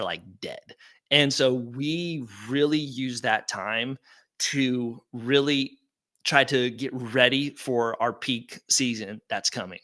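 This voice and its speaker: A man in middle age talks through a live webinar in an easygoing, upbeat way, leaning on fillers and asides as he answers questions. His voice is bright and forward, sitting at an ordinary male pitch. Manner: casual, upbeat, conversational with fillers. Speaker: webinar presenter.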